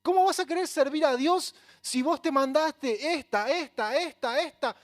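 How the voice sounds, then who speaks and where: A man voicing a taunting male devil who mocks and accuses in scornful, shouted questions. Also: extremely high pitch, moderate pace, pitched above the performer's own voice. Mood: mocking.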